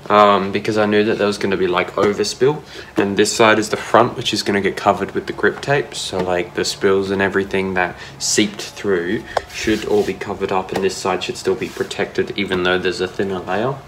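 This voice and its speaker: A man's voice: low-pitched, flat delivery, moderate pace, a bit bright, a little hiss or hum. A young man casually narrating a DIY skateboard project, thinking aloud with fillers as he works at home on a phone camera. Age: young adult. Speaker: DIY vlogger. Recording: music playing under the voice. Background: background music.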